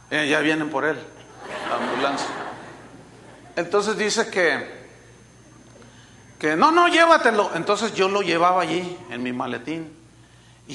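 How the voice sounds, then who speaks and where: With a slightly high voice and a trace of hiss or hum in the recording, this Mexican-accented man preaches as a pastor. His sermon is lively storytelling in which he chuckles and performs the voices of those he quotes.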